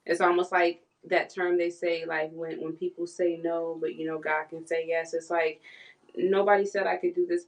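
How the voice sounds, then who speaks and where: A woman's voice: low voice, gravelly, low-quality recording. A woman giving a live tarot reading, now and then voicing what the cards' figures would say. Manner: speaks for the cards' figures in quoted asides. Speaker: tarot reader.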